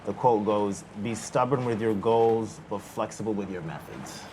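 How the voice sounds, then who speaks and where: A man's voice: fairly low pitch, normal speed, noisy background. A man hosting a podcast, laid-back and chatty, often asking "you know what I mean". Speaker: podcast host. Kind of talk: casual conversation.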